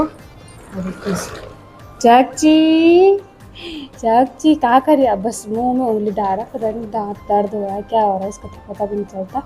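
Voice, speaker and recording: A woman's voice: medium pitch, dark tone, poor audio. Chatty young woman vlogging in her kitchen. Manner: chatty, keeps saying "friends" to viewers. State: hot and itchy from the heat. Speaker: home vlogger. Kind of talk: casual home cooking vlog narration. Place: home kitchen. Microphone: clip-on mic.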